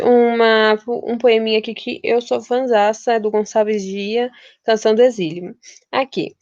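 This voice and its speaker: Young woman from Brazil, informal teacher, chatty and stumbling; slightly high voice, dry muffled recording. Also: dry recording. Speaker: literature teacher. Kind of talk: casual recorded lesson. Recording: dull, lo-fi and dry.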